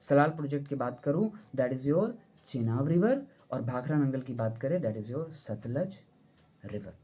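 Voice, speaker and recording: A man's voice: mid-range voice, mellow. A young man teaching an exam-prep lesson, repeating questions and answers as drills and using playful memory tricks. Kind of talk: exam-prep lesson mixing Hindi and English.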